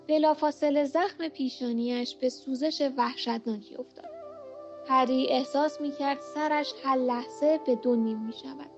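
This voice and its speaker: A woman narrating an audiobook at home in a steady, dramatic storytelling manner. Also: high voice. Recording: muffled lo-fi home recording.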